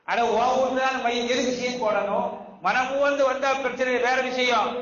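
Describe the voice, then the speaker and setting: A man's voice: very high voice, fairly even intonation, moderate pace, fairly bright tone, echoey room, dull audio. A man preaching a sermon in a conversational way, often asking the listeners rhetorical questions. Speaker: Islamic preacher.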